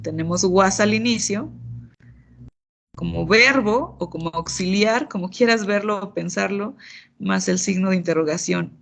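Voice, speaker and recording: Gravelly-voiced woman teaching grammar online. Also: medium pitch. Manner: patient, explanatory, playful asides. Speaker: English teacher.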